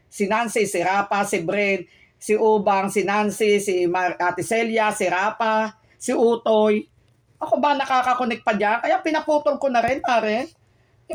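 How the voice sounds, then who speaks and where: A woman shopkeeper in casual chat, venting aggrieved complaints to a friend. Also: medium pitch.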